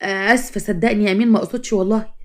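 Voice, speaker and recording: A woman's voice: mid-range voice, steady tone, very fast, lightly acted. A woman voicing a stubborn young working wife, Egyptian-accented, who talks in a pleading yet defiant way. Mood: apologetic. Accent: Egyptian Arabic.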